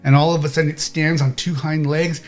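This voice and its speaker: A man's voice: fairly high pitch, level tone, a little fast. A man narrating a tabletop game as game master, rambling and checking in with "okay?".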